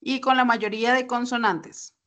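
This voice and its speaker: A woman with a fairly high, fairly bright voice speaks at a normal pace in a steady tone. She's teaching English pronunciation in an online class, patiently going step by step with examples. The audio comes from a computer mic on a video call.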